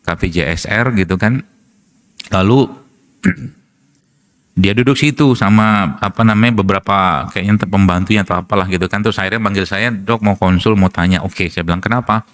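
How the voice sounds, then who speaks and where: A middle-aged man, a preacher and doctor, gives a casual religious talk full of anecdotes, chuckling often and asking rhetorical questions. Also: on the low side. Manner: chatty storyteller, laughs often, asks rhetorical questions.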